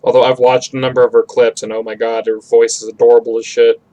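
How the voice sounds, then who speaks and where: A man's voice: mid-range voice, flat delivery, quick pace, dark tone, dull audio. A man chatting casually on a stream while drawing, rambling and swearing freely. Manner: rambling, profane.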